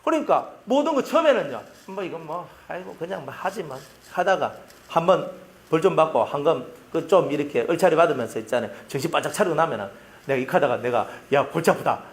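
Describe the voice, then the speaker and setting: A male pastor with a Gyeongsang Korean accent preaching a sermon, telling stories in an animated way and using lots of sound effects. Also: on the high side, fast talker.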